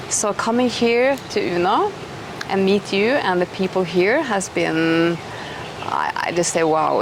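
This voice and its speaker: A middle-aged woman talks with eager enthusiasm at a mid-range pitch, often restarting her sentences. She is recorded outdoors, and steady noise runs behind her voice. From Norway. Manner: chatty and enthusiastic, with frequent restarts and fillers. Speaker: host. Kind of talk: casual conversational interview. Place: outdoors in an eco village.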